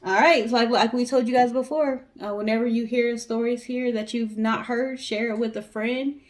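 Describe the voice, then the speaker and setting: Speaking at a moderate pace with fairly even intonation, an American woman with a fairly high voice co-hosts a storytelling show. She relates true crime cases casually and colloquially, talking directly to viewers.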